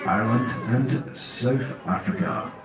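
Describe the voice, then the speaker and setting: A man's voice: mid-range voice, slow. A man giving live play-by-play fight commentary in short, choppy phrases. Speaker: live combat sport commentator. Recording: distant, echoey, very loud crowd. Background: loud tournament crowd.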